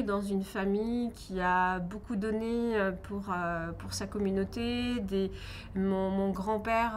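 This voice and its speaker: A woman from Algeria, in her thirties, giving earnest personal testimony in an interview, pausing often with fillers and restarts. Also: medium pitch, slight background noise.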